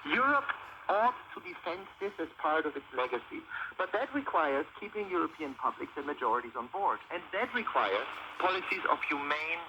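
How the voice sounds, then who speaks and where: A man's voice: a little high, animated, brisk. A man speaking earnestly and emphatically as an expert guest in a radio panel discussion. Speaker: interviewee, migration policy expert. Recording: noisy muffled shortwave radio reception.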